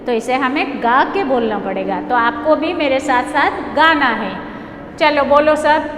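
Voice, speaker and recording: Slow, patient woman teacher, echoey room. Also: high-pitched. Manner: slow, patient, sing-song, checks with "है ना?". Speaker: primary school teacher. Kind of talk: online class lesson, teaching a poem. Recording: echoey room with long reverb, faint hum.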